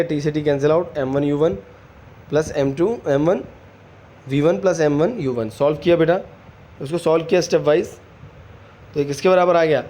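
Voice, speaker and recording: A man's voice: fairly high pitch, darkish tone. Man teaching physics, checking in often. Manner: asks students quick check questions, calls them beta; mixes Hindi and English. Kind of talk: online physics lesson.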